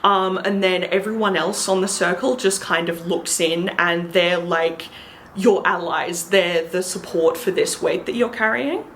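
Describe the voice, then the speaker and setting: Young woman vlogger, low-ish voice, slow rambling delivery full of ums, faint hiss behind. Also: fairly bright tone, rough recording. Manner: rambling, many ums and likes, earnest. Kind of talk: casual storytelling to camera.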